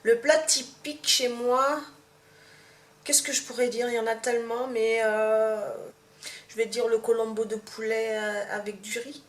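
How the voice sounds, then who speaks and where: A woman's voice: on the high side, little pitch movement, measured pace. A young woman from Martinique with a Martinican accent, chatting to camera in a casual tag video, hesitant with many fillers and restarts. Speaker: vlogger. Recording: echoey room, faint background hum.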